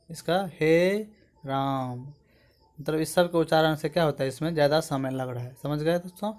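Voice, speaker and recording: A man teaches an exam-prep grammar lesson in a slightly higher-than-usual, somewhat mellow voice. He explains each point step by step and often asks "समझ गए दोस्तों?" to check his viewers have understood.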